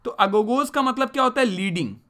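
A man's voice: extremely high pitch, lively intonation, brisk, bright, forceful tone. A male teacher giving a vocabulary lesson, mixing English terms into Hindi and asking the class questions he then answers himself. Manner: explains with repeated rhetorical questions.

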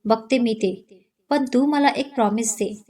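A woman voicing a gentle, heartbroken young bride who speaks quietly and resignedly, in a storybook reading. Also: on the high side, unhurried, close to an everyday voice. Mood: sad.

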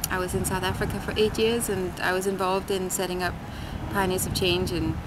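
With a lowish voice and a flat delivery, a thirties-aged Danish woman reflects aloud in an interview at an outdoor street-side table next to a tiled wall. Her thoughtful answers are marked by fillers, frequent pauses and restarts, and loud urban traffic can be heard behind her.

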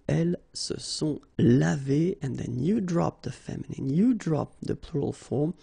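A man's voice: fairly high pitch, vocal fry, mellow, slightly rough. A man with a French accent and French as his first language, teaching a grammar lesson in a patient, explanatory way. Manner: patient, explanatory, says "okay" often.

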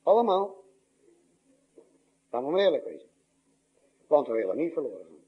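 An older man preaches with a husky, somewhat high voice that leaps and drops in pitch. His sermon swings between loud cries and hushed low lines. The recording sounds dull and lo-fi. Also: very animated, normal speed. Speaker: pastor.

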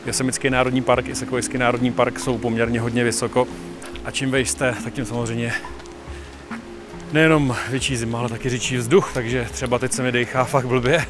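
A man's voice: medium pitch, level tone, music in the background. A man in his thirties, a travel vlogger chatting casually and joking as he walks through a mountain park, filming himself on a phone at arm's length. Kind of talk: casual travel vlog with narration. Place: outdoors in a mountain park, walking. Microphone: phone held at arm's length.

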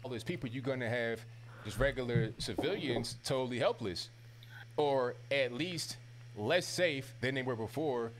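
A man's voice: medium pitch, heavy background noise. A man arguing a point in a debate, listing his points assertively. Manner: assertive, lists points quickly. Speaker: debater in a played clip. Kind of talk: debate argument.

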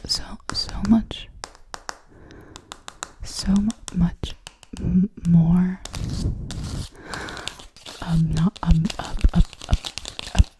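Fast whispering ASMR woman, stuttering on purpose. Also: on the low side. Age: young adult. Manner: deliberate stuttering, glitch-like repetition of words and syllables. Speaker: ASMR video host. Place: small decorated home studio room, indoors. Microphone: silver desktop condenser mic at the lips.

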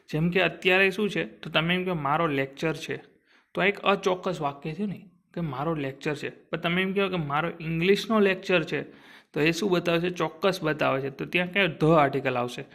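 A man's voice: on the high side, vocal fry, bright, forceful tone. A young man teaching a grammar lesson for exam students, repeatedly asking short questions and answering them himself. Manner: asks and answers his own questions. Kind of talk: classroom grammar lecture.

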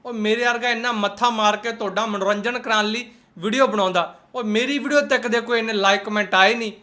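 A man's voice: sits high, steady tone, quick pace, pushed and bright. A man with a Punjabi accent giving mocking, sarcastic reaction commentary in colloquial speech. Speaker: host of a roast reaction channel.

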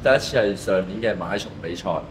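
A man's voice: lowish voice, quick pace. A man basketball coach with a Hong Kong Cantonese accent, answering interview questions in a matter-of-fact way. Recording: interview with background music.

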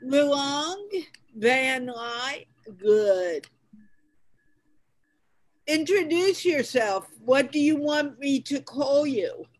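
Older lady teaching english on a video call, high voice, talks real slow and patient. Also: animated, low-quality recording. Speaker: host of an English conversation class. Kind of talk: online video call chat.

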